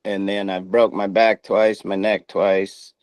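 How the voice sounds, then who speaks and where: Talking through a gap where his front teeth used to be, this middle-aged ex-rodeo rider turned coach gives a relaxed, down-home interview. The voice is lowish and darkish in tone, delivered flatly and slowly, with no room sound.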